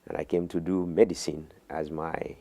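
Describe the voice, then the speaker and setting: A middle-aged man from Uganda, a guest in an interview, talking haltingly with many fillers and restarts. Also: a bass voice, flat delivery, dark tone. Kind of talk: interview conversation.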